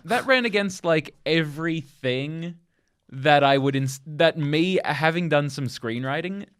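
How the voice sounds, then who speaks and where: A man's voice: on the high side, expressive, unhurried, a bit bright, clean tone. A man co-hosting a film podcast, chatting casually and laughing often, with frequent restarts. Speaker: podcast co-host. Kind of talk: casual film-review chat.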